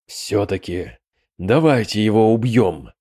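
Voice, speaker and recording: A man voicing a hot-tempered rotting demon prince who speaks in sharp, fierce outbursts. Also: fairly low pitch, lively intonation, slow, no room sound, clean studio sound. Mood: cold.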